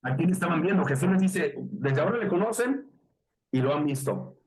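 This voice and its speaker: A man with a Mexican accent, a pastor leading a Bible study, who reads verses slowly and stops to explain them and question his listeners. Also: on the high side, animated, darkish tone, breathy edge, rough recording.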